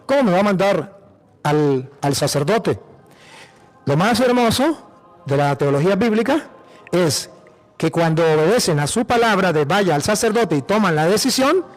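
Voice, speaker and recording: A priest from Venezuela with a Venezuelan accent, preaching emphatically, repeating phrases and asking rhetorical questions. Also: male voice, high voice. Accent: Venezuelan Spanish. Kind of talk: apologetic preaching.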